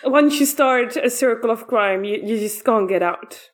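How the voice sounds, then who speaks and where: A woman co-hosting a casual podcast, dropping wry, measured remarks into the chat. Her voice sits a little higher than most. She speaks at an easy pace. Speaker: podcast co-host.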